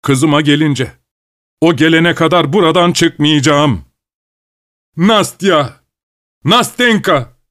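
A man voicing a desperate, furious old father who shouts and wails breathlessly in an audiobook. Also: mid-range voice, steady tone, normal speed, husky, no echo, studio quality, natural voice. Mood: frantic. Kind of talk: audiobook character voice.

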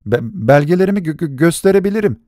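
A man's voice: a little high, moderate pace, darkish tone, dry recording, clean studio sound, pitched above the performer's own voice, lightly acted. A man voicing a young drunken beggar who pleads and stammers. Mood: flustered.

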